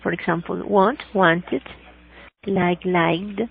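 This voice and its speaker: Gravelly-voiced woman teaching grammar over a tinny line. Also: lowish voice, fairly even intonation, extremely slow. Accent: Colombian. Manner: repeats each rule in two languages, checks with "¿ya?" and "¿sí?". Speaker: English teacher. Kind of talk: bilingual grammar lesson. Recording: tinny phone-like sound.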